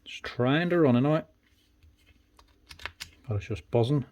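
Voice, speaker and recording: A man's voice: mid-range voice, measured pace, a little mellow, dull audio. A man giving casual workshop commentary as a tool repairer, thinking aloud in short, plain remarks. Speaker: power tool repairer and video host. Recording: clear background noise, clicks and clatter.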